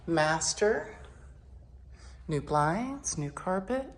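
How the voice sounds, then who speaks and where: A woman narrating an informal house walkthrough in a matter-of-fact way, listing items in short phrases with pauses. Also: lowish voice, big pitch swings. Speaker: property renovation presenter. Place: inside a house, walking through rooms.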